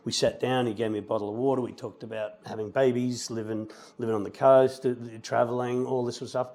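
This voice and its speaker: A middle-aged man, a musical theatre actor, chatting in an interview and telling anecdotes with lively acted-out quotes. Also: medium pitch, fast talker. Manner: animated storyteller, acts out quoted lines.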